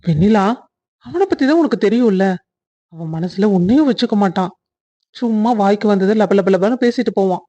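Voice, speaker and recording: Actor doing a calm, reassuring young cartoon guy, muffled lo-fi sound. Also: mid-range voice, normal speed, close to an everyday voice. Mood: soothing. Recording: dull lo-fi audio.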